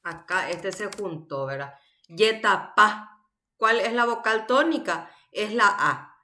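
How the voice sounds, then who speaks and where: Slow, patient woman teacher. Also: medium pitch, animated, pushed and bright. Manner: patient, explains step by step with checking questions. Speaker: university language teacher. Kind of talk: recorded online class.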